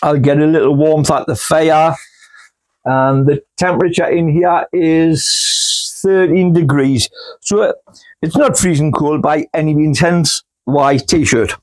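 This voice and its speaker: A man talks slowly and casually as he potters with his plants in a cool indoor grow room. His voice sits a bit high for a man, rambling and homely, with the odd hiccup breaking in. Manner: rambling, homely, full of fillers. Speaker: gardening channel host. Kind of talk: casual chat while potting plants.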